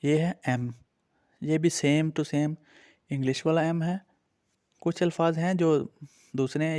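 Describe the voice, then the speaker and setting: A man's voice: a little high, a little mellow, clean tone. A man with an Urdu-influenced accent teaching a beginners' language lesson, patiently naming and repeating each letter for his learners.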